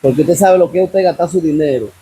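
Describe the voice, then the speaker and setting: A man with a Dominican accent recounting his personal testimony as a guest, telling the story step by step and often pausing to ask what happens next. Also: on the high side, warm tone, husky. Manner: repetitive storyteller, keeps asking "what happens?".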